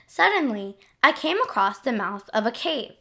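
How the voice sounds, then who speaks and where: A woman narrating a scripted first-person adventure story in an expressive diary-like manner. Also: on the high side, moderate pace, creaky.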